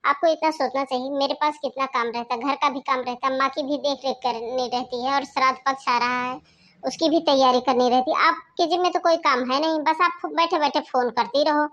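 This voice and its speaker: A woman voicing a rude, impatient young sister-in-law in a cartoon, talking loudly and curtly. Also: high voice, normal speed, dull audio. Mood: irritated. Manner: loud, scolding, curt. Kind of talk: cartoon voice acting.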